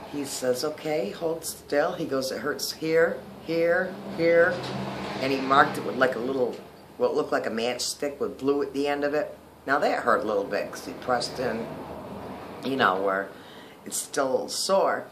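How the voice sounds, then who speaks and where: Guy rambling on his vlog, kinda lispy slurry s's from fresh dentures, lots of ums, mid pitch. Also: unhurried, noisy background. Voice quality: slightly slurred, lispy speech from new dentures. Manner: chatty and rambling, many ums. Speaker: vlogger. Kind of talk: casual video diary.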